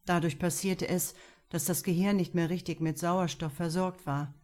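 A woman's voice: lowish voice, fairly even intonation, normal speed, a little mellow, natural voice. Woman reading a resigned, earnest cop. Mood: somber. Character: male police officer Theo, resigned and earnest. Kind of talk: audiobook dialogue reading.

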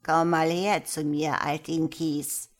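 Woman putting on a croaking cruel old witch. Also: low voice, level tone, takes it slowly. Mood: beckoning. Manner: croaking, shrieking threats. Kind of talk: audiobook reading.

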